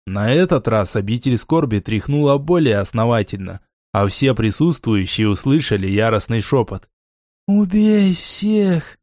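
A man narrating a fantasy audiobook in the first person, with steady, even storytelling. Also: fairly low pitch, moderate pace, no room sound, studio quality.

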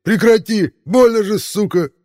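A man's voice: fairly low pitch, normal speed, dark tone, close to an everyday voice. A man voicing a sneering hitman in an audiobook. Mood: panicked. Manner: gloating, then panicked pleading. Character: menacing bearded male hitman, gloating. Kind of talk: audiobook character reading.

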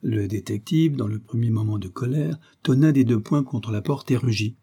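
A man narrating a classic detective novel in a steady, measured audiobook reading. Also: mid-range voice, slightly rough.

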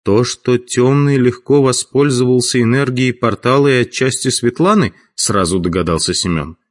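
A man reading a calm veteran mage. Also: mid-range voice, normal speed, voice pushed up, lightly acted.

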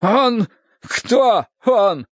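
A man voicing a dazed, poisoned crook in an audiobook, who talks in a slow, slurred, whining drawl. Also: mid-range voice, gravelly, darkish tone, clear, resonant tone, no room sound, exaggerated voice. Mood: panicked, disbelieving. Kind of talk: audiobook character voice. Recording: dull, dry audiobook recording.

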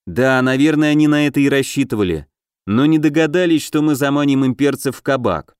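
A man voicing a quick-thinking young male elf tactician giving brisk commands. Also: mid-range voice, darkish tone, smooth, no echo, studio quality, close to an everyday voice. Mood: thoughtful.

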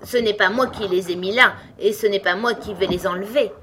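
A woman voicing a cranky old female sheep who knits, with a shrill, snappish voice. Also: a little fast, a bit bright, a little hiss or hum, close to an everyday voice. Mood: curt.

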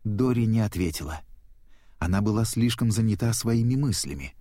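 A man narrating a children's storybook in a steady, expressive way. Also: on the low side, moderate pace, no echo, clean studio sound.

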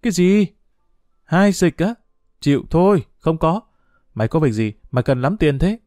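A man's voice: fairly high pitch, very animated, normal speed, dark tone, no room sound, studio quality, voice pushed up. A man voicing a cocky, boastful schoolboy friend who talks with swagger and mockery. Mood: excited. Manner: swaggering, mocking.

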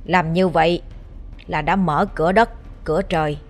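A woman's voice: fairly low pitch, steady tone, normal speed, lightly acted. A woman voicing a stern old man who is a village ritual master, giving commanding instructions in an audio ghost story.

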